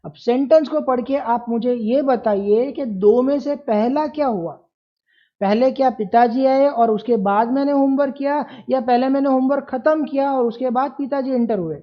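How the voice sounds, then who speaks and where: A woman's voice: high voice, normal speed, muffled recording. A woman teacher giving a grammar lesson, repeating example sentences emphatically and asking her students questions.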